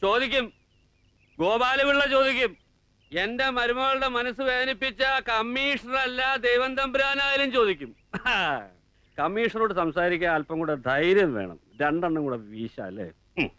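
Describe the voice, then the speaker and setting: A boastful, drunk old uncle with a strikingly high, bright and clear voice that slurs as he blusters and threatens. The sound is dry and close, with faint film music underneath. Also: unhurried, no room sound, full character voice. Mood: boozy, blustering. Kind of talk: film drama acting.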